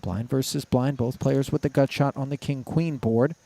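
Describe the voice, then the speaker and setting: Mellow, dry-witted male poker commentator. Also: medium pitch, steady tone, moderate pace. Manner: dry, wry humour. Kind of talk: live poker commentary with bantering asides. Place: commentary booth. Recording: faint background noise and clicks.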